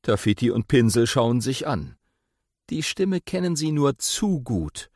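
A man reading a children's audiobook aloud with expressive, playful storytelling. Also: medium pitch, measured pace, no room sound, clean studio sound. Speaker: audiobook narrator.

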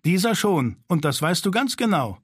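A man's voice: high-pitched, sing-song, normal speed, slightly rough, no echo, studio quality, voice pushed up, heavily acted. A man voicing a defiant, proud little village boy in a storybook reading, speaking stubbornly and indignantly.

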